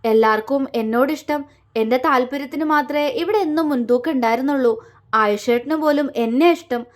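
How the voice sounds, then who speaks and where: A woman voicing a remorseful young woman in an audio story, speaking haltingly and pleadingly. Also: sits high, lightly acted. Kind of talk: audiobook character reading.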